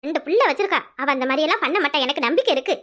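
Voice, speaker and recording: A firm, scolding elder sister in a cartoon, voiced by a woman, lower than the rest of the cast but still high. She speaks steadily in a southern Tamil Nadu accent. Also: lively intonation, racing, a bit bright. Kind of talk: cartoon voice acting.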